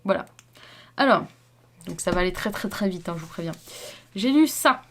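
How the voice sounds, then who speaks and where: A woman's voice: medium pitch, lively intonation, moderate pace, a bit bright, a little hiss or hum. A young woman chatting casually to camera about her reading, rambling with lots of fillers and self-corrections. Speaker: book vlogger.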